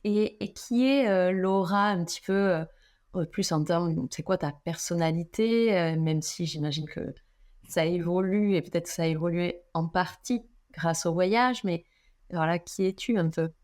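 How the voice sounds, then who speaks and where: A woman hosts a podcast interview in a friendly conversational style. Her voice sits a bit low for a woman. She strings her questions together loosely, with many hesitations along the way. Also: a little slow, darkish tone. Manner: hesitant, rambling questions with fillers. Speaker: podcast host.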